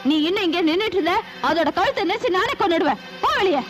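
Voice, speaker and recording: A woman's voice: extremely high pitch, lively intonation, fast talker, over music. An actress dubbing a film role as a haughty young woman who scornfully rejects a baby. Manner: scornful, threatening.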